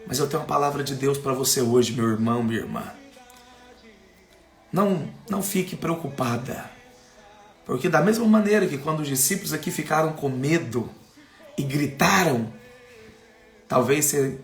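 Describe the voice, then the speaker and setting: A Brazilian man preaching in a church, his voice ringing with room echo. He builds to emphatic, raised peaks and then drops back to a softer, intimate tone. His pitch sits in an ordinary middle range. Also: moderate pace, long pauses, faint music behind. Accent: Brazilian Portuguese. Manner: impassioned, rising to emphatic peaks then dropping soft. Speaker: pastor. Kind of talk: sermon. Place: church sanctuary.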